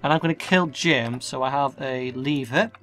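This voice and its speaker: A gaming video host with a medium-pitched, slightly bright voice at normal speed offers casual gameplay commentary. He mutters to himself and reads in-game text aloud while game music plays behind.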